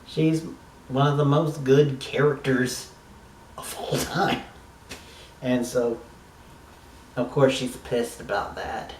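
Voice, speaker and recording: A TV episode reviewer gives a casual monologue in a slow, unhurried drawl, rambling with fan enthusiasm and swearing now and then. His mid-range voice is steady and darkish, picked up by a distant mic in a roomy, echoing space with faint ambient noise.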